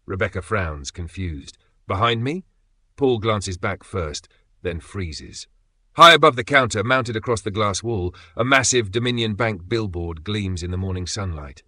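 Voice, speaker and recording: A man narrating a dramatic story in a steady, measured way with pauses for effect. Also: fairly low pitch, no room sound.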